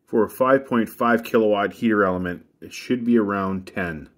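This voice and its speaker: Brief: man, lowish voice, plain practical hot tub technician walking through a repair outdoors. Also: moderate pace. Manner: plain, practical step-by-step instructions. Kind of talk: casual how-to demonstration. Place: outdoors beside a hot tub equipment bay.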